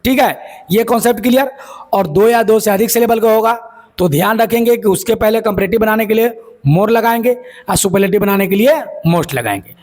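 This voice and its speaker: A man teaching English grammar as a lecture, explaining step by step and asking and answering his own questions. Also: sits high. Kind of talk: classroom lecture.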